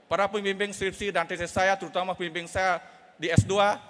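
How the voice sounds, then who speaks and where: A middle-aged man, giving a formal, measured academic oration as a professor at a podium microphone. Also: high-pitched, little pitch movement, fairly bright tone. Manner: formal, measured, reads prepared speech. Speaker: professor giving inaugural lecture. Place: large auditorium. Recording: reverberant auditorium hall.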